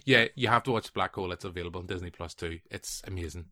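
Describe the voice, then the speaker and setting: Low-voiced man hosting a film podcast. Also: no room sound. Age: 30s. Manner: animated storyteller, quick asides, restarts. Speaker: podcast host. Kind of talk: casual film podcast chat.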